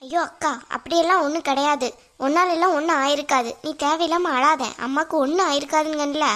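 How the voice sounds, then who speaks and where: A high, bright cartoon voice of a younger sister, earnest and reassuring, as a woman plays her. She talks softly and steadily to calm others down. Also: brisk. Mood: comforting. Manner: soothing, reassuring. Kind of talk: cartoon voice acting.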